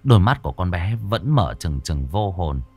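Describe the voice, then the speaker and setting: A man narrating a horror story in a slow, expressive, dramatic manner. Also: low voice, breathy edge, faint music behind.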